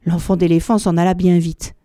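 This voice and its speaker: A woman's voice: fairly low pitch, a little fast, no echo, clean studio sound. Woman reading a storybook aloud. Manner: lively and expressive, changing voices for each animal. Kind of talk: expressive storybook narration.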